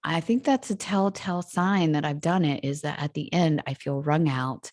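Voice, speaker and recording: A woman's voice: low-pitched, moderate pace, darkish tone, no room sound, clean studio sound. A woman guest on a podcast, speaking candidly and reflectively in casual conversation, laughing easily.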